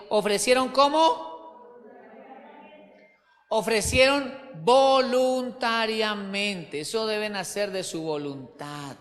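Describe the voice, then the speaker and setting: A pastor preaches emphatically to his church in a high-pitched, somewhat bright male voice, repeating key words and putting questions to the congregation. The recording carries a long hall reverb.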